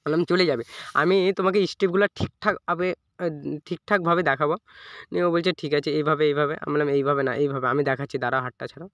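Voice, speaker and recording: A man's voice: on the high side, fairly even intonation, fast talker, fairly bright tone, dry recording, lo-fi sound. A man telling a casual vlog story, quoting both sides of a conversation. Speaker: fitness vlogger.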